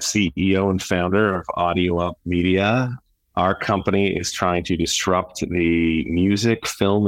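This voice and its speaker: A man with a very deep voice speaks as an interview guest, the founder and CEO of a media company. The recording has no room sound.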